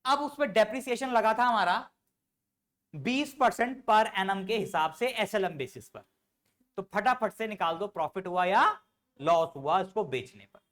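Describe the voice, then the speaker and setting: A man's voice: high voice, moderate pace, fairly bright tone. Male teacher, classroom lecture, quizzing students, question after question, fond tone with pupils. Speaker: accountancy teacher.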